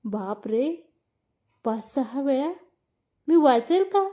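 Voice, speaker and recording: A woman's voice: high voice, animated, slow, dark tone. A woman voicing a shy, nervous young wife who speaks timidly in a read-aloud story. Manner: timid and hesitant.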